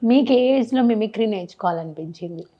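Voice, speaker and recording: A woman's voice: mid-range voice, lively intonation, fairly quick. A woman interviewing a guest, encouraging him with short acknowledgements and questions. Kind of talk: casual interview. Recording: slightly dull, lo-fi sound.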